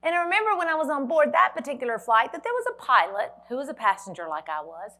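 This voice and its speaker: A woman's voice: sits high, sing-song, quick pace, pushed and bright. Woman telling a dramatic story with humor. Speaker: motivational speaker. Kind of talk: storytelling keynote speech. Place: conference hall.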